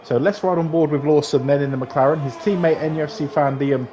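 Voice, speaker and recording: A man's voice: fairly high pitch, fairly quick, background noise. A man with a London accent commentating on a live sim-racing league, chatty and joking with his co-host. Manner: chatty, jokey banter with co-host. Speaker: race commentator.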